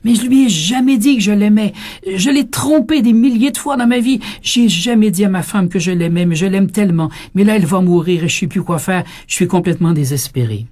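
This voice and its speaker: A man's voice: high voice, fairly quick, darkish tone, pitched above the performer's own voice, close to an everyday voice. A priest voicing a remorseful middle-aged man who pours out his confession in tears. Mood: tearful pleading. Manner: pleading, tearful outpouring.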